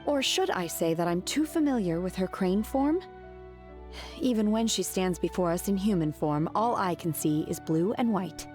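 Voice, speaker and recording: A woman voicing a calm, solemn young female disciple in a video game, speaking in a composed, formal and literal way. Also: lowish voice, normal speed, soft background music, natural voice. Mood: matter-of-fact.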